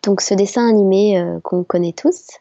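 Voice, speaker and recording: A middle-aged voice actress telling stories in an interview, chatty and hesitant with many fillers. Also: female voice, medium pitch, normal speed, dark tone, no room sound. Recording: slightly dull lo-fi sound.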